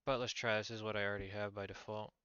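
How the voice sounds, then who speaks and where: A man streamer casually commenting on his gameplay, thinking out loud and reading in-game text aloud. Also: fairly low pitch, little pitch movement, fast, lo-fi sound, very noisy. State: hiccuping.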